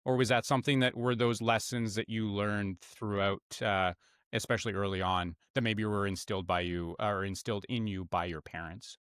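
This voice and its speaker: A man's voice: fairly low pitch, fairly even intonation, normal speed, fairly bright tone, smooth, no room sound, clean studio sound. A man hosting an interview, asking long, rambling questions full of restarts and fillers. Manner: rambling, many uhs and restarts. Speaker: podcast host.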